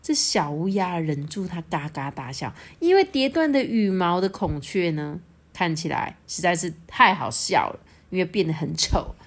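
A woman reading a picture book aloud to her child, lively and asking the child questions. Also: lowish voice, normal speed.

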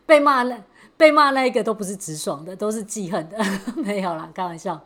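Woman, podcast host, explanatory and conversational, mid-pitched. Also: expressive, fairly quick, fairly bright tone. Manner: explanatory, guiding the topic with rhetorical questions. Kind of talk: casual podcast discussion.

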